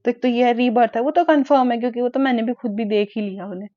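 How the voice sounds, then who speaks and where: A woman vlogger retelling family stories in a chatty, animated way. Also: a little high, fast talker, no room sound, lo-fi sound. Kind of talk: casual storytelling to camera.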